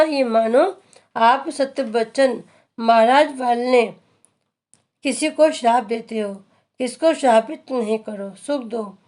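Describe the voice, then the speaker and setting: Woman, devotional reading, slow and unhurried, somewhat high voice, earnest instructive tone. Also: a little mellow. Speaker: reader of a daily spiritual discourse.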